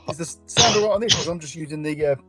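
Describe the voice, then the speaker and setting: A man who is a guest on a livestream, chatting casually through a laptop mic and agreeing in quick interjections. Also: fairly high pitch, music in the background. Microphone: laptop built-in mic.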